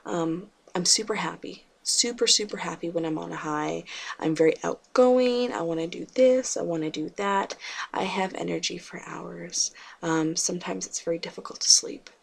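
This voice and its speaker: A woman talking to camera in a personal confessional vlog, subdued and halting, with many fillers and restarts. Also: lowish voice, creaky, a little hiss or hum. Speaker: vlogger.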